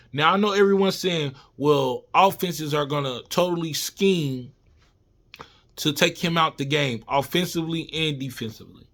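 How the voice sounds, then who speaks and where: A man giving casual, animated sports commentary to his viewers, repeating points and talking to them as y'all. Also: a little high. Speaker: sports vlogger.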